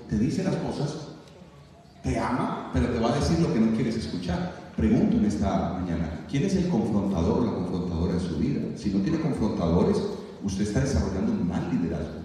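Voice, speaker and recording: A man's voice: on the low side, lively intonation, a little fast, warm tone. A man with a Colombian accent giving a humorous leadership talk to a church audience, joking and addressing the listeners directly. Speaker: conference speaker. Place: large church hall. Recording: echoey hall, voice from far off, crowd noise.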